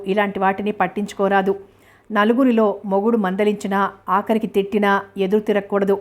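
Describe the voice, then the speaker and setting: A woman reading the part of an arrogant young male engineer who lectures in a boastful, bossy way, with a flat, even delivery. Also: medium pitch, lightly acted.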